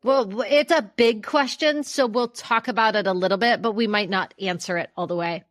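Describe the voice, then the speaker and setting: A woman's voice: medium pitch, normal speed, no room sound, studio quality. A woman co-hosting a casual podcast, talking in a playful, upbeat way while a little congested. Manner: playful, upbeat intro delivery. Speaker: podcast co-host.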